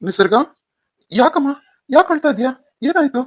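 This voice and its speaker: A man voicing a caring middle-aged father who fusses gently over his daughter. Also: high voice, fairly even intonation, brisk, no echo, lightly acted. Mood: alarmed. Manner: fussing and gentle.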